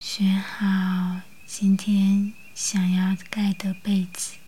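A woman narrating a guided bedtime relaxation like a sleep story narrator, in a soothing, hushed, breathy near-whisper with long pauses. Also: medium pitch, completely flat delivery. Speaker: host of a bedtime relaxation show.

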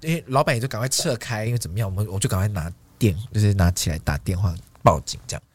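A man, a chatty co-host who tells stories in a loose, animated way. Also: fairly low pitch, racing, husky, no room sound. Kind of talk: casual chat.

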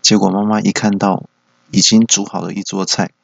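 A man's voice: on the low side, little pitch movement, a little fast, gravelly, no echo. A man hosting a solo comedy podcast, telling playful stories. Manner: playful storytelling. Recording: dull, dry lo-fi home recording.

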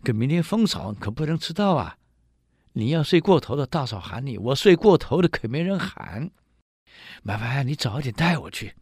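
Man doing a sly wheedling male strategist, sighing, lively swooping pitch, dry close sound. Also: moderate pace, breathy edge, dry recording. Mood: coaxing. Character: sly, self-pitying male court strategist.

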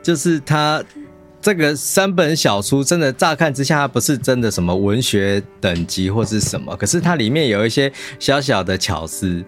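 A man's voice: mid-range voice, lively intonation, moderate pace, faint music behind. A man with a Taiwanese Mandarin accent chatting casually and expressively as a co-host of a book show. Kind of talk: casual chat about books.

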